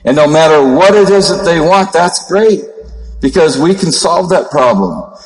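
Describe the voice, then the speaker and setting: A man in his fifties with a Minnesota accent, giving a motivational seminar talk as a network marketing trainer in a monotone voice. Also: on the high side, moderate pace, soft background music. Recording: long hall reverb.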